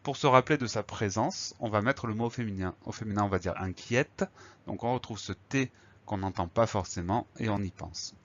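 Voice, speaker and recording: A male teacher giving a spelling lesson, calmly explaining each word and spelling it out letter by letter. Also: on the low side, moderate pace. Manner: patient, spells words letter by letter. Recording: slightly dull lo-fi recording.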